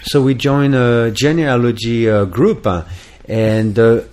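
A man's voice: medium pitch, steady tone, slow pace, darkish tone. A man from France with a French accent, a musician guest in a casual interview, talking hesitantly with many fillers and restarts.

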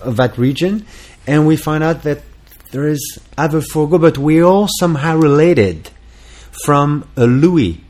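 A man's voice: fairly high pitch, expressive, measured pace, darkish tone. French-accented man, hesitant talk. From France. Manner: hesitant, many fillers and restarts. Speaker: guest musician. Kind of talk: casual interview.

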